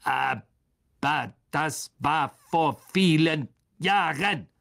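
A man voicing an ancient, irritable, blind giant male spider in an audiobook, speaking in a slow, hissing half-whisper that drags out each word. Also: medium pitch, big pitch swings, creaky, a bit bright, breathy edge, voice pushed up, exaggerated voice. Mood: indignant. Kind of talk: audiobook character voice.

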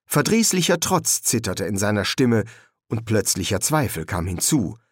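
A man narrating a novel as an audiobook, in measured, expressive storytelling. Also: on the low side, breathy edge, dry recording, studio quality. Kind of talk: audiobook reading.

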